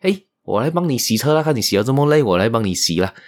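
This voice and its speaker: A man voicing an excited young boy in a told story, raising his voice and repeating words as he talks. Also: mid-range voice, moderate pace, pitched above the performer's own voice, natural voice. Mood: eager.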